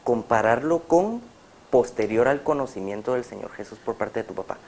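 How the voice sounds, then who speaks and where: A man's voice: medium pitch, lively intonation, moderate pace, darkish tone, slight background noise. Earnest male host of a faith program. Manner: earnest, preacher-like. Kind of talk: testimony interview.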